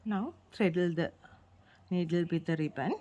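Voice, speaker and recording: A Sri Lankan woman whose native language is Sinhala hosts a craft tutorial, giving an informal step-by-step demonstration with simple, repeated phrasing. Her voice is mellow and fairly low in pitch, and she speaks at a moderate pace.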